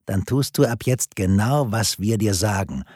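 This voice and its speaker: A man's voice: lowish voice, moderate pace, darkish tone, slightly rough, no room sound, studio quality. A man voicing a cold male kidnapper on the phone who disguises his voice and speaks in a taunting, commanding way.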